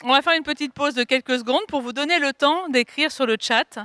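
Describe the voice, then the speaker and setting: A woman leading an online workshop as a wellness coach, asking lively rhetorical questions and checking in with her listeners. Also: high-pitched, fairly quick, no echo, studio quality. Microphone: video call.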